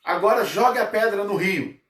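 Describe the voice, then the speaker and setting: A Brazilian man telling a church story, voicing a calm male teacher who gives plain commands and asks quiet questions. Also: high voice, normal speed, roomy sound, voice pushed up. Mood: commanding. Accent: Brazilian Portuguese.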